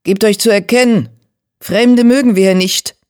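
A narrator voicing a broad-shouldered tomcat on border patrol, gruff, loud and hostile toward strangers. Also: mid-range voice, a little fast, voice pushed up, lightly acted. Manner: loud, challenging, growly. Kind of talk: audiobook character voice.

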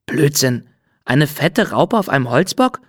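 A man's voice: a little high, very animated, measured pace, no echo, studio quality. A man voicing a wary, grumbling male insect in a storybook reading. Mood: skeptical. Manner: suspicious, grumbling. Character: small wary male insect, grumpy skeptic.

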